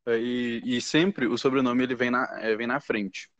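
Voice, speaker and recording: A young Brazilian man chats casually as a podcast guest, rambling through his stories with plenty of slang fillers. His voice sits at a middle pitch and is recorded close and dry, with a dull, muffled tone. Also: steady tone, unhurried, a bit bright, no room sound. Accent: Brazilian Portuguese. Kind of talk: casual chat.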